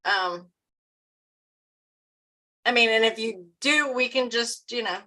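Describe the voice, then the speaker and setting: Casting note: woman, live-stream co-host, bright voice a touch high, chatty and giggly. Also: takes it slowly, rough recording. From Maryland, USA. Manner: laughs often, chatty with restarts. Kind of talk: casual live-stream chat.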